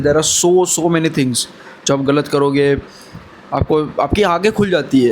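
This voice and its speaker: A man's voice: on the high side, slight background noise. A man in his twenties giving earnest, brotherly motivational advice in a casual talk to camera. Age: 20s. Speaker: vlogger.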